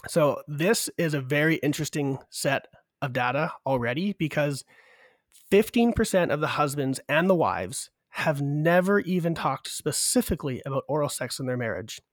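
A podcast co-host with a cold chats casually and cheerfully walks through survey numbers. His voice is a little high and expressive at a moderate pace, recorded in studio quality with no echo.

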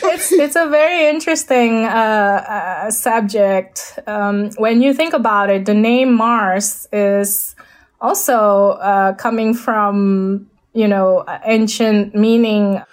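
A woman with an Indonesian accent, a space architect appearing as a guest on a video call, speaks slowly in a mid-range voice. She talks hesitantly, with many fillers and restarts.

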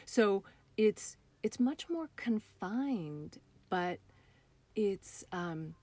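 A woman with a medium-pitched, darkish voice sounds animated, drawing out her words, with no echo. As a playwright and director giving an interview, she talks casually and expressively with real enthusiasm. The sound comes from a computer call she also recorded on her phone.

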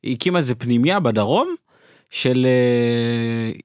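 Lively young man teasing his friend. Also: medium pitch, clean tone, dry recording, studio quality. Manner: teasing, quick to laugh. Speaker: podcast co-host. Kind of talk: casual chat.

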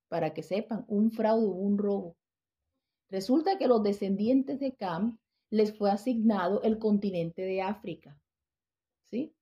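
A woman teaches scripture in a relaxed, conversational way, pausing to check that her listeners follow and often restarting her sentences. Her voice has a gravelly fry to it, and the recording sounds dull and lo-fi. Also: mid-range voice. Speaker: Bible teacher.

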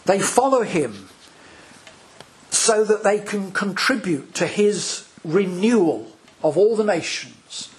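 High-pitched priest guy preaching real slow, pausing a lot for effect. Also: big pitch swings. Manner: slow, deliberate preaching with dramatic pauses. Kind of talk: sermon.

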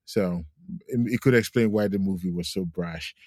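A man's voice: low voice, normal speed, darkish tone, dry recording, studio quality. A man co-hosting a movie podcast, telling stories in a rambling way with lots of fillers. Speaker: podcast co-host. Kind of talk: casual chat.

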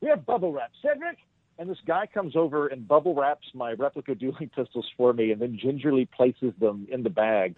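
A man's voice: mid-range voice, brisk, hardly any pauses, dry recording. A male comedian telling a rambling, self-deprecating story as a podcast guest, on a tinny, dry phone-like line.

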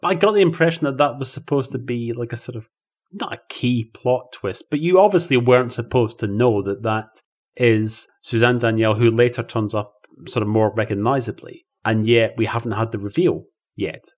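A man's voice: medium pitch, fairly even intonation, moderate pace. A man co-hosting a film podcast, explaining plot points in a chatty, easygoing way. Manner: chatty, explanatory, laughs easily. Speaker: podcast co-host. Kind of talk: casual film review chat.

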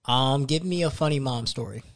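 A man's voice: mid-range voice, fairly quick, a crowd in the background. A man hosting a podcast, asking short questions and teasing his guest. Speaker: podcast host. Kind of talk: casual interview chat.

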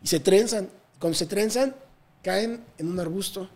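A man with a Mexican accent telling a touring story in a casual interview, animated and full of slang and swearing. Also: high voice, measured pace. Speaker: touring musician guest.

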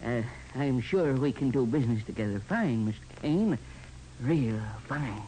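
A man's voice: mid-range voice, lively intonation, a little slow, mellow, a little hiss or hum, natural voice, rough recording. An actor playing a nervous, fawning shady salesman who stammers and hesitates, in 1940s radio drama style. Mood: wary.

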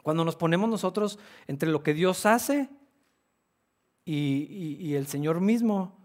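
A man preaching a sermon with earnest, repeating emphasis and fillers as he searches for words. His voice sits a little high for a man. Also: animated, unhurried. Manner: earnest, repetitive, with frequent restarts and fillers. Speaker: pastor.

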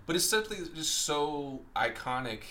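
A man's voice: fairly high pitch, sing-song, moderate pace, a crowd in the background. A man co-hosting a casual film discussion, enthusiastic and swearing casually. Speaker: podcast co-host.

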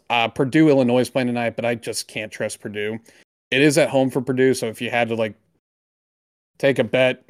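A man's voice: mid-range voice, dry recording, clean studio sound. Casual, profane man talking betting picks. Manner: loose, profane, drops voice on asides. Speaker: podcast co-host. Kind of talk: casual sports betting talk.

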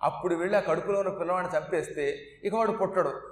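A man's voice: high voice, quick pace, far from the mic, natural voice. A man voicing a scheming male god who humbly pleads and promises to serve. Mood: plotting. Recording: echoey room.

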